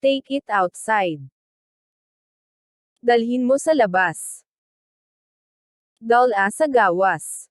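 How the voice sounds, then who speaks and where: A woman teacher reads short phrases in a very slow, careful drill. Her voice sits fairly high, and the recording is dry and close. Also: animated, no echo. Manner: reads each phrase slowly and deliberately. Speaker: language teacher. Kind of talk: slow read-aloud translation drill.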